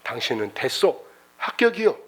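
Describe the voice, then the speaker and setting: A man voicing a stern older company chairman who questions a job applicant in measured, formal speech. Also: mid-range voice, sing-song, a bit bright, voice pushed down. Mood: approving.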